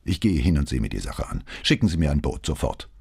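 A man's voice: extremely low pitch, sing-song, quick pace, gravelly, a little mellow, breathy edge, dry recording, clean studio sound, full character voice. A man reading the part of an irritated police commissioner, giving curt orders. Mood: curt, commanding. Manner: curt, commanding.

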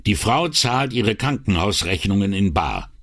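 A man's voice: on the low side, very animated, unhurried, a bit bright, voice pushed up, heavily acted. A man voicing a young, modest police officer who speaks hesitantly.

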